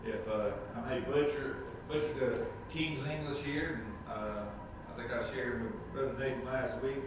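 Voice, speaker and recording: A man's voice: mid-range voice, steady tone, moderate pace. A man teaching a casual Sunday school Bible lesson, rambling with many fillers and restarts. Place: church classroom. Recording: echoey room from a distant mic, noisy.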